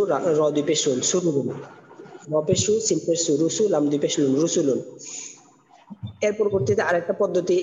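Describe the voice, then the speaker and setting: In a Quran recitation class, a man whose voice is slightly high with a dark tone spells words out one syllable at a time in slow drills. The sound is lo-fi and dull, with a long reverb.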